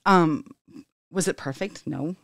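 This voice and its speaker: A woman hosting a podcast in casual conversation, telling stories in a chatty, animated way. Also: low-pitched, slow pace, vocal fry, no echo, studio quality. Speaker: podcast host.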